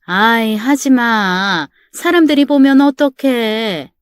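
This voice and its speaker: A woman's voice: fairly high pitch, slow, clean tone, no echo, studio quality. A woman voicing a selfish, scolding middle-aged mother-in-law in a dramatized story reading. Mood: coy. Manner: sharp, scolding, self-pitying.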